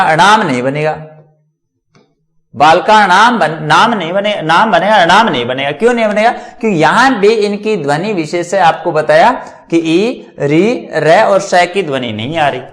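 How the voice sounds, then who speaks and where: A man teaching Sanskrit grammar in a classroom lecture, asking questions and answering them himself, repeating each word ending to drill it. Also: high voice. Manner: asks and answers his own questions.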